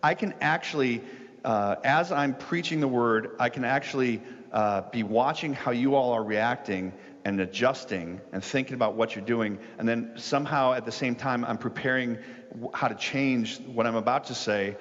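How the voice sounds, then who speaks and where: A man, a pastor, preaching a sermon and telling a joke in an animated storytelling way before turning to his point. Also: medium pitch, normal speed. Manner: animated storytelling, rises sharply when telling of yelling. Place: church sanctuary. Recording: dull sound with long hall reverb.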